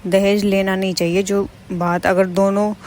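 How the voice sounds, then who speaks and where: A gentle middle-aged mother-in-law, voiced by a woman in a home-drama cartoon. She speaks quietly and soothingly at a middle pitch, mild and patient. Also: level tone, normal speed, a little hiss or hum, close to an everyday voice. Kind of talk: animated cartoon voice acting.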